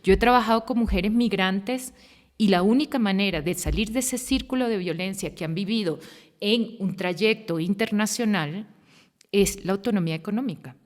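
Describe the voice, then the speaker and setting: A woman's voice: medium pitch, normal speed. Woman, 40s, podcast guest, earnest and thoughtful, long sentences, echoey hall-like reverb. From Venezuela. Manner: earnest, reflective, talks in long searching sentences. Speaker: guest, women's rights activist. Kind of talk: podcast interview conversation.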